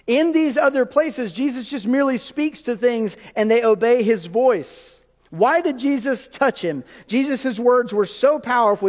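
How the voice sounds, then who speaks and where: A man delivers a sermon in a high, ringing voice that carries a long hall echo. He preaches with animated emphasis, then drops to hushed, near-whispered lines. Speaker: pastor.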